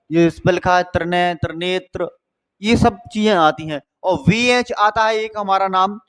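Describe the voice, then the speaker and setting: A man's voice: sits high, a bit bright. A man from India teaching a lesson, explaining step by step and asking and answering his own questions. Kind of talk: classroom lesson.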